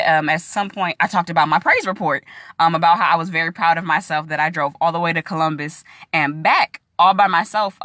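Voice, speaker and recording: A young woman, chatting excitedly in a casual live video about her church class and business, full of likes and ums. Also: sits low, no room sound, studio quality.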